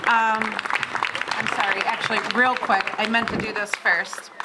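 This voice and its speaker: A woman's voice: mid-range voice, level tone, a little slow. An American woman hosting an event, making informal announcements to an audience. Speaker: event host. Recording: live event, audible crowd and noise.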